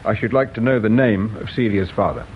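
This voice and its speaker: An actor playing a patient provincial police inspector who questions people gently and measuredly in a radio drama. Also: male voice, fairly low pitch, animated, slight background noise. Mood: probing. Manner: measured, gently probing, hesitates with "uh". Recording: dull lo-fi radio recording.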